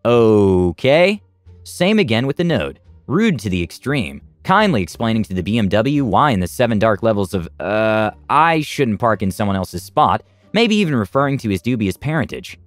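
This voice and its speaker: A man narrating reddit stories aloud in a lively storytelling manner. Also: moderate pace, no room sound, faint music behind. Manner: lively storytelling with big pitch swings.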